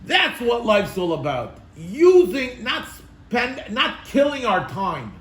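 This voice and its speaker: A rabbi gives an earnest lesson, leaning on rhetorical questions and repeating his points for weight. His voice sits high for a man and rings out in a roomy, echoing space. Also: wildly swooping pitch, slow, fairly bright tone. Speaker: rabbi teaching a class. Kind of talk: Torah class with storytelling. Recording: echoey room.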